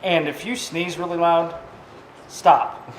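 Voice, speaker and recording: A man co-hosts in loose, blunt banter, his lines short and to the point. His voice leans a little high. The room has a clear echo. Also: slow pace, slight background noise. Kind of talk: casual banter. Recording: echoey room.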